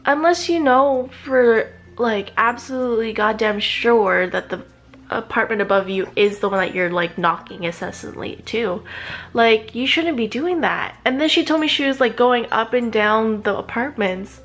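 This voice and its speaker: A woman's voice: on the high side, normal speed, a bit bright. A young woman, a graduate student vlogging, telling a story in an indignant, agitated way, swearing freely with lots of fillers, tired from lost sleep. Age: young adult. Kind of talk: casual storytelling vlog.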